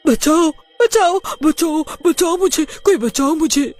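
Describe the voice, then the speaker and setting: A cruel schoolteacher gone to pieces, as a woman narrator plays her, shrieks and stammers in a shrill, frantic voice far above a normal speaking pitch. The cartoon story has a faint music bed behind it. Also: animated, slow, darkish tone, exaggerated voice. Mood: terrified. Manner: shrill, stammering screams for help. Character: cruel female schoolteacher, panicky and terrified.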